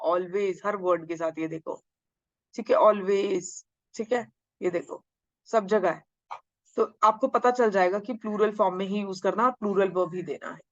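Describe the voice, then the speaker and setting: Woman teacher, exam-prep grammar lecture, slow drawn-out lines, dry slightly dull sound. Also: mid-range voice, no room sound. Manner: mixes Hindi and English, drawls English sentences slowly, asks and answers own questions. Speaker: English teacher.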